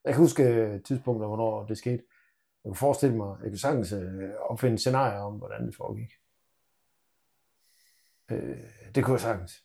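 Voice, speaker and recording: A man's voice: on the low side, vocal fry, pauses often, warm tone. A man, co-hosting a podcast in casual banter and telling joking stories. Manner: joking, teasing, playful storytelling. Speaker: podcast co-host.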